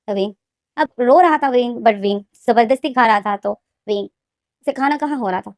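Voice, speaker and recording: A woman casually retelling a fan-fiction story, talking rapidly and repeating names and phrases. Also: a little high, dry recording, studio quality.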